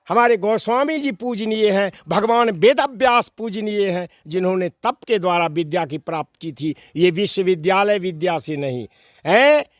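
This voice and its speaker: A man holds forth in an interview, unhurried and preacherly, and often checks in with rhetorical questions. His voice sits high for a man. The sound is close and dry. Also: dry recording. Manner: preacherly, emphatic, with rhetorical questions and quoted verses. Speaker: interviewee, scripture expounder. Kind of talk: explanatory interview answers.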